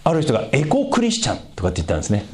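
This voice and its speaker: A man giving a conversational sermon as a pastor, asking the congregation questions and swinging his pitch for emphasis. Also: wildly swooping pitch, rapid-fire, a little hiss or hum.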